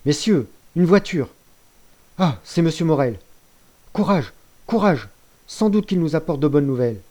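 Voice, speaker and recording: A man voicing an excited male party guest who calls out loudly and eagerly in a storybook reading. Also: fairly high pitch, measured pace, voice pushed up.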